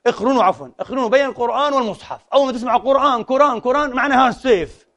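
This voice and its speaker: A man preaching a sermon, switching between formal in a lively, animated manner. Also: very high-pitched, rapid-fire. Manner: animated, mixes formal Arabic with colloquial dialect, acts out quoted voices.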